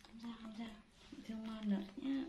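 A woman's voice: fairly high pitch, steady tone, brisk, warm tone, slight background noise. A woman filming her pets, coaxing and affectionate, talking to them like small children. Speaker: pet owner filming her monkeys. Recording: echoey room with faint music.

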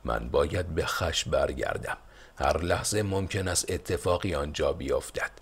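A man's voice: a bass voice, vocal fry, breathy edge, exaggerated voice. A man playing a stern, decisive rebel leader and father in an audiobook. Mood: resolute.

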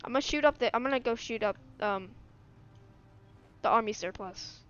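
A woman co-hosting a gaming video in casual chat, excitable and giggly and quick to yelp. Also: fairly high pitch, smooth, lo-fi sound.

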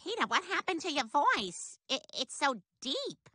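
An actress voicing an animated cartoon wife who is lively and easily excited. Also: female voice, measured pace, dry recording, exaggerated voice. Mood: surprised. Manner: animated, swoops between high and low. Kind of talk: cartoon voice acting.

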